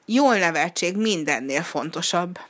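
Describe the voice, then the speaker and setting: A woman's voice: on the low side, animated, a bit bright. A woman voicing a frightened storybook wolf who stammers and frets about good manners. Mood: fretful.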